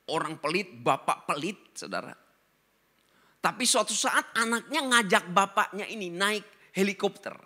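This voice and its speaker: A male pastor preaching a sermon and telling stories, swinging between loud emphasis and hushed asides. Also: sits high, husky.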